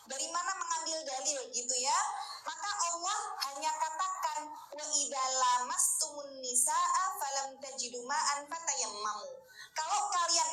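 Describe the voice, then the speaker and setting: A Javanese woman in her thirties giving an Islamic study lecture to women, chatty and often asking her listeners for agreement. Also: high voice. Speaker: religious teacher. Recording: echoey room with clear noise.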